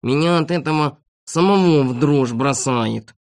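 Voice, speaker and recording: A storybook reader voicing a grumpy little shorty who grumbles in a slow drawl. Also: medium pitch, natural voice. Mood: grumbling.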